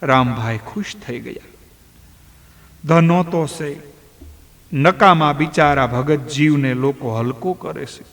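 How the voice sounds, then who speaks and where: Slow, measured male storyteller. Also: on the high side, fairly bright tone. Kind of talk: devotional folk story narration. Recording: long hall reverb.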